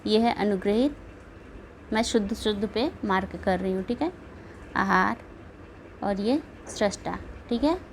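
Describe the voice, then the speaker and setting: A woman's voice: medium pitch, unhurried, long pauses, a little hiss or hum, poor audio. A woman teaching an exam-prep spelling lesson, reading out the answer options one by one and checking in with her students after each point. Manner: steady, checks in with repeated "ठीक है".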